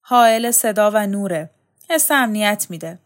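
A woman's voice: mid-range voice, animated, close to an everyday voice. A woman voicing an anxious middle-aged man who pleads and defends himself. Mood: pleading.

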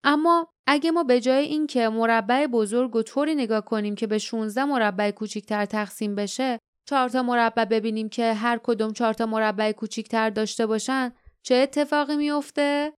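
A woman's voice: a little high, smooth, close to an everyday voice. A woman reading the lines of a grumbling grown man, a former palace guard, in an audiobook. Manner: mutters, thinks aloud. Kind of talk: audiobook character voice.

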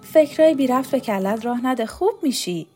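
A woman reading a kind woman at a sickbed, her voice gentle and reassuring, soft and hushed, in a storybook reading. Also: medium pitch, soft background music, close to an everyday voice. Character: caring woman comforting a sick friend.

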